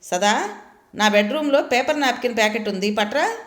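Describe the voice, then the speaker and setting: A woman voicing a playful young man who speaks softly and low, as if confiding a secret. His lines have a lively, rising and falling melody. The room adds a noticeable echo. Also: fairly quick, natural voice. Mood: tender. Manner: soft, low-toned asides. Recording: roomy echo.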